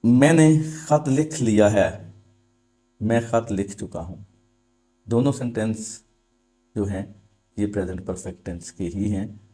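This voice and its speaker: A man teaching English grammar in a step-by-step lesson. He repeats his points, asks and answers his own questions, and reads English rules out slowly. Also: fairly low pitch, warm tone. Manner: reads English rules slowly, then explains them in Urdu. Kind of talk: classroom-style grammar lesson.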